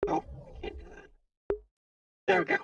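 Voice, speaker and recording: A man's voice: normal speed, a bit bright, distant mic, dull audio, a little hiss or hum. A man live-streaming in VR, talking through a synth robot voice changer, chatting casually with viewers while juggling his setup.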